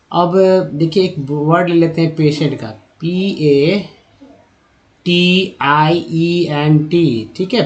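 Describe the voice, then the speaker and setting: A man teaching English reading and pronunciation in a spoken lesson, slowly spelling out words letter by letter and repeating them. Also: a little high, low-quality recording. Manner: slow, repetitive, spells out letters one by one.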